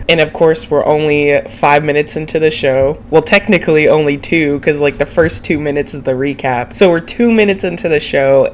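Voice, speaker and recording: A woman's voice: low-pitched, slight background noise. A woman with a nasal, stuffed-up voice from a cold, giving a chatty, opinionated, casual recap as a show host. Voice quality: nasal, congested, whiny. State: sick with a cold. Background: background music.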